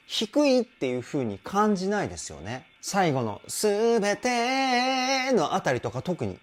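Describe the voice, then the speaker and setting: A man's voice: fairly high pitch, darkish tone. A man working as a vocal coach, giving enthusiastic, explanatory reaction commentary on a song and praising the singers often.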